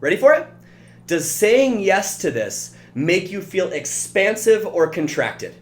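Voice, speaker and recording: A man's voice: high voice, sing-song, a little slow. Earnest male motivational coach, roomy sound. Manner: earnest, coaching, addresses listener directly. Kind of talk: motivational training talk. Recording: roomy with faint hum.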